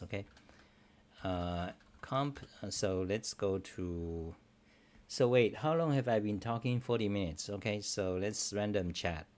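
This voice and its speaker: In loose, broken phrasing peppered with swearing, a fairly low-voiced middle-aged streamer works through viewer questions casually and bluntly. Chinese is his first language.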